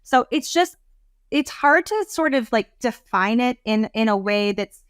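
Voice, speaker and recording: A woman coach speaks as a podcast guest in an animated, rambling, heartfelt way. Her voice sits a bit high, and the sound is dry and close with no room echo. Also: unhurried, clear, resonant tone. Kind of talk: casual interview talk.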